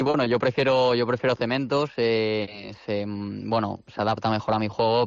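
A teenage young man from Spain speaks low and flat, in a smooth, clear voice. He answers modestly, stopping and restarting often. The line sounds dull and lo-fi, dry, with no room around him. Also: no room sound. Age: teens. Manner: halting, modest, many restarts. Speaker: guest. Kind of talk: phone interview.

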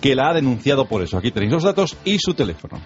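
A man's voice with lively, animated pitch, setting up a bit on a radio morning show. Faint music plays behind, and the sound is dull and lo-fi. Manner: brisk, reads out a listener's email. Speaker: radio host.

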